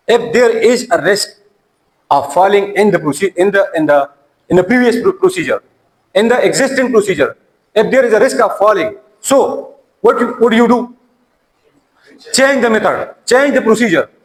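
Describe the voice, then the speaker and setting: A man's voice: high voice, expressive, moderate pace, rough recording. A man, an Urdu speaker, teaching a classroom lecture and often repeating and restarting his words.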